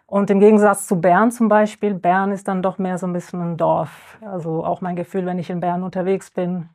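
A woman's voice: on the low side, little pitch movement, moderate pace, darkish tone. A young woman, a guest in a panel discussion, who talks hesitantly and thinks aloud with many fillers.

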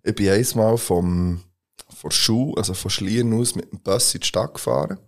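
A man with a Swiss German accent co-hosting a podcast, telling a story in a relaxed, laughing way. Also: fairly low pitch, normal speed. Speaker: podcast co-host. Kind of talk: casual chat, storytelling.

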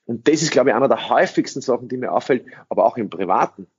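On a dull, lo-fi recording with slight background noise, a middle-aged man talks fast and animatedly at medium pitch. He is an English-speaking sales trainer answering interview questions with emphasis, repeating phrases and throwing in rhetorical questions.

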